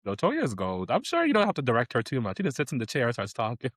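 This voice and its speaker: A man's voice: medium pitch, wildly swooping pitch, fast talker, no room sound. A man co-hosting a podcast in casual chat, recapping with frequent laughter. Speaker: podcast co-host.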